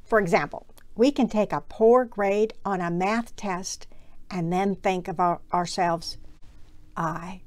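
Older woman leading a children's sermon from home; slow, animated storybook delivery with hushed suspense, dry close sound. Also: medium pitch, dry recording. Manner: expressive, drops to a breathy whisper for suspense. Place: home room with bookshelves.

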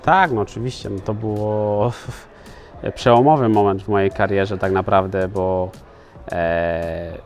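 Thirties male athlete, halting casual answers, lowish voice, faint music bed. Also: steady tone. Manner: hesitant, many filler sounds and restarts. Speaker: professional footballer, guest.

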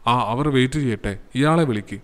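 A man doing a calm, kind police inspector. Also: medium pitch, quick pace, clean tone, lightly acted. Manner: calm, gentle questioning.

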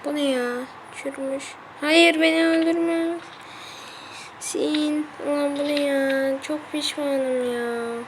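High-voiced woman acting out a game skit, drawls slow, panicky yells, noisy recording. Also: level tone. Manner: panicky yelling and frequent slang exclamations. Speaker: channel creator voicing game characters. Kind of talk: acted sandbox game skit.

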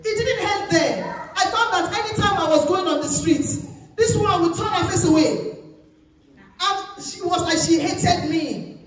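A middle-aged woman pastor from Nigeria, preaching a sermon and telling a personal story with sudden rises in pitch and force. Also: measured pace. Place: church. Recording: echoey church hall, voice from far off.

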